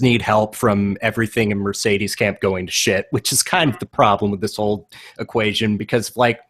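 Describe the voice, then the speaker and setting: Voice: mid-range voice, a bit bright. A podcast co-host talking motorsport in a laid-back, slangy way and swearing casually. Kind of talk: casual chat.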